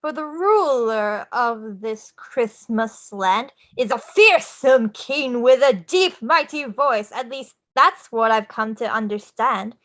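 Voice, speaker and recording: A woman playing an excitable, theatrical showman in a musical script read, with declamatory, singsong phrasing. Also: on the high side, slow pace, few pauses. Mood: dramatic, spooky. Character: Jack, theatrical, excitable showman leader of Halloween Land.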